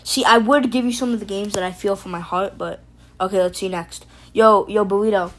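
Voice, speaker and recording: A woman's voice: medium pitch, steady tone, a little fast, rough recording. Playful woman streamer chatting with her chat. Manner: playful, jokey, talks to chat by name; loose and rambling, frequent fillers and restarts. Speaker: livestream host. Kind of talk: casual live-stream chat.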